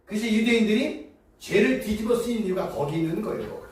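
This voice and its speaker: A woman's voice: medium pitch, animated, a little fast, darkish tone. A woman seminary professor giving a preaching-style Bible lecture, quizzing her listeners with rhetorical questions and repeating key phrases for emphasis. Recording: very echoey room, mic far off.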